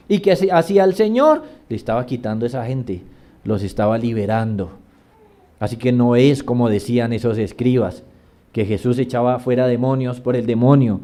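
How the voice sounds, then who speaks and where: Mellow-voiced male preacher asking rhetorical questions. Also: fairly high pitch. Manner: reads scripture passages aloud. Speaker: pastor. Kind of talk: sermon.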